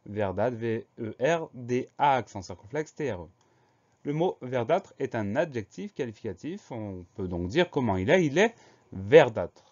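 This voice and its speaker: A man's voice: mid-range voice, animated, normal speed, darkish tone. A man teaching a spelling lesson, patiently spelling out words letter by letter. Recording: slightly muffled recording.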